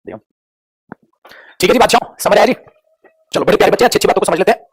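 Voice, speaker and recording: Male grammar teacher, quick patter, husky tone, fond coaxing classroom style. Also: high-pitched, animated. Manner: affectionate, coaxing, addresses students as children. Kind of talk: online classroom lesson.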